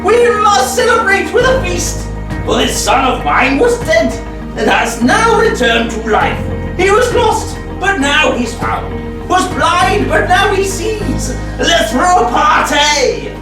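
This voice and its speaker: A man's voice: extremely high pitch, big pitch swings, slow, pitched above the performer's own voice, heavily acted. A man playing a fond, fussy old rich father in a theatrical manner. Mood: overjoyed. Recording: echoey room from a distance with faint music.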